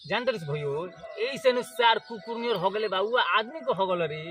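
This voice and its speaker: A man's voice: high-pitched, lively intonation, normal speed, over music. A man playing a mocking, cursing village buddy in a comedy skit, with a jeering, complaining Bhojpuri delivery.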